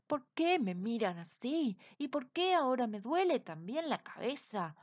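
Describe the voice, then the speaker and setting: A woman voicing a proud, demanding man king who shouts orders and complains of his pains. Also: sits high, big pitch swings, unhurried, dry recording, pitched above the performer's own voice, heavily acted. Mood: panicked. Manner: commanding, exclaiming.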